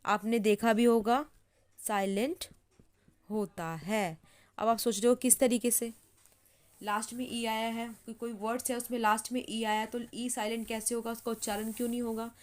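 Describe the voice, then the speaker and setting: A woman teaching English pronunciation in Hindi, repeating each word slowly as she writes it and checking in with "ठीक है" again and again. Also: fairly high pitch, steady tone, a little mellow. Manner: repeats words slowly while writing, says "ठीक है" often. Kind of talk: slow explanatory lesson.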